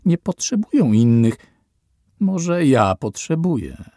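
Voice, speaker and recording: A man voicing a tender young woman in whispered role-play, soft, hushed and gentle in an audiobook. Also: fairly high pitch, very animated, slow, dry recording, clean studio sound, voice pushed up, heavily acted.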